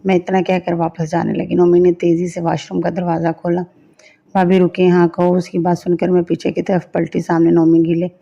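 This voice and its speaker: Woman storyteller, slow steady reading, mellow gravelly tone, dull lo-fi recording. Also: fairly low pitch. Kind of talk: first-person dramatic story narration.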